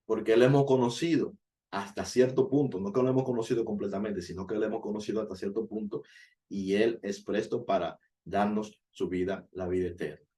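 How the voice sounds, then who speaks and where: A man's voice: fairly low pitch, steady tone, brisk, warm tone. Earnest man teaching scripture. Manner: earnest, explanatory, stresses key words with sudden lifts. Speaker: Bible teacher. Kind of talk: Bible study sermon.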